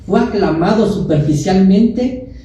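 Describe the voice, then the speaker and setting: Preacher in a church, dark mellow voice, big echo, mic kinda far off. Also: medium pitch, unhurried. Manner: emphatic, repeats key phrases, rhetorical questions to the congregation. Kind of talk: sermon. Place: church sanctuary. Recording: echoey church hall, mic at a distance.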